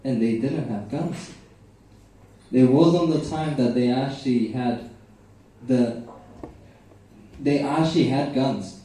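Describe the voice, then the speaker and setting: A man's voice: medium pitch, slow, pauses often, dark tone. A young Brazilian man whose first language is Portuguese, doing rambling, self-mocking stand-up at an open mic. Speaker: stand-up comedian. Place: open mic comedy venue. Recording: echoey room, from far off.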